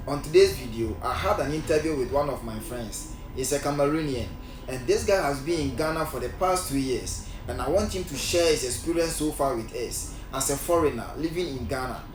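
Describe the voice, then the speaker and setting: A man's voice: medium pitch, a little fast. Friendly male interview host. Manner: friendly, repeats his words. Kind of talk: casual interview. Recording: echoey room from far off with music.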